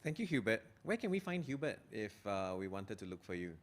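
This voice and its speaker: A man's voice: lowish voice, sing-song, fairly quick. A man hosting an interview, politely thanking his guest and asking short questions. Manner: polite, brief prompting questions. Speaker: host.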